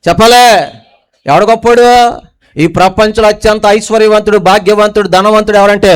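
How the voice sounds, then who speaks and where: Here a male pastor's high, smooth and resonant voice moves fairly quickly with fairly even intonation. His sermon uses call-and-response questions, alternating strong emphatic lines with soft, low asides.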